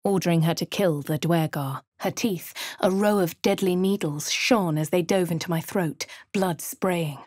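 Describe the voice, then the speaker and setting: Voicing the player character, a posh female adventurer with a posh English accent delivers game lines and narration in a wry, composed way. Her fairly low, darkish voice is crisp and dry, unhurried, with few pauses. The recording comes from a dead, dry studio booth with no room sound.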